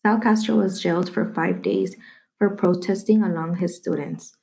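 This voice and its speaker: Woman reading in a mellow voice. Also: on the low side, steady tone, normal speed, gravelly, low-quality recording. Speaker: student presenter. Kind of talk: reading a prepared presentation.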